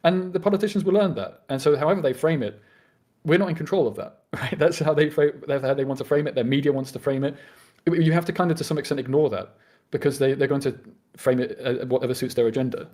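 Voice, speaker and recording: Fast-talking British man arguing a point. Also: mid-range voice, fairly even intonation, darkish tone. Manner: fast and earnest, with frequent restarts. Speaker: debater. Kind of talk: debate argument.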